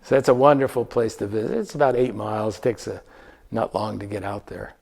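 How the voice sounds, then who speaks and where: A man's voice: on the low side, fairly quick, creaky, darkish tone, husky. Man giving a chatty slideshow travel talk. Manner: conversational, quizzes the audience, frequent restarts. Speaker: travel presenter.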